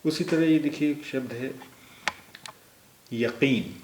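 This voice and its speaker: A male language teacher who explains vocabulary in a slow lesson style and says each word several times over. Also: mid-range voice, a little mellow, echoey room, a little hiss or hum. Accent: Indian Hindustani. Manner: repeats each word slowly for the learner.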